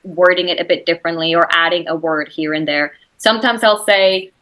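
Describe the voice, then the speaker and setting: Heard on poor audio, a woman speaks briskly in a lowish, fairly even, somewhat bright voice. She's an actress whose first language is Swiss German, and her accent shows as she chats in a relaxed interview, laughing easily and saying "like" and "you know" a lot.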